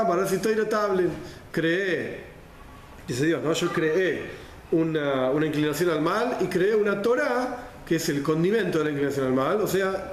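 Man, rioplatense spanish accent, torah lecture, fairly high voice, roomy echo. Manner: explanatory, repeats phrases, mixes in Hebrew and Yiddish terms. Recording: roomy echo, faint background noise.

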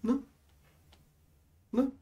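A man teaching a Torah text in a lively study session, acting out the quotes with big jumps in pitch. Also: drawn-out words, highs cut off.

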